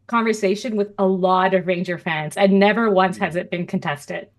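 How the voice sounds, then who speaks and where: A woman co-hosting a fan podcast in casual chat, animated and chatty, often breaking into laughter. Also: mid-range voice, normal speed. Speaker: podcast co-host.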